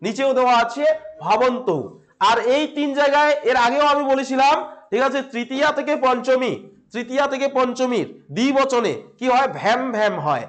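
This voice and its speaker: A man's voice: very high voice, lively intonation, fairly quick, fairly bright tone. A male teacher with a Bengali accent gives a classroom grammar lesson, asking questions and repeating the answers as he checks on his students.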